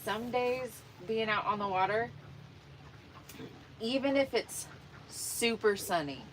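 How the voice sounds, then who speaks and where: Woman vlogger, slow easygoing talk, casual livestream chat from a boat on a lake, light outdoor hiss behind. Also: on the high side, poor audio. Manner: chatty, laughs easily, reads viewer comments aloud. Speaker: fishing vlogger.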